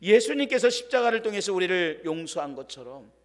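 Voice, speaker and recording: A male pastor tells a sermon story with a high, bright-sounding voice. He tells it dramatically and sinks to a hush when quoting someone. His words ring out with a long echo through a church sanctuary. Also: very animated, brisk. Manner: dramatic storyteller, drops to hushed voice for quoted lines. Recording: long church-hall reverb.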